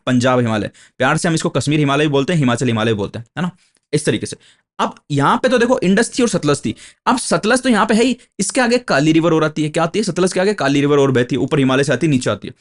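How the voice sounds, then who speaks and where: Male coaching teacher, fairly high voice, patient step-by-step explainer who repeats key terms. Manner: explains step by step, repeats key terms, asks and answers his own questions; slow, deliberate when reading English textbook lines aloud. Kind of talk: exam coaching lecture.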